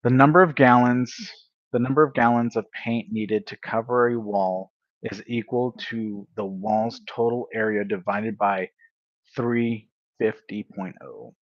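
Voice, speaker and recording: A man livestreaming a casual coding study session, thinking aloud, correcting himself and filling pauses as he works through examples. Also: mid-range voice, fairly even intonation, dry recording, lo-fi sound. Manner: unhurried, thinks aloud, self-correcting with fillers.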